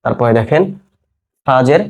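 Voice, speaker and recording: Man drilling Quran letter sounds. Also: medium pitch. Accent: Bangladeshi Bengali. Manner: slow, careful drilling of letter sounds, checking with "ঠিক আছে?". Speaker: Quran teacher. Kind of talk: Quran recitation lesson.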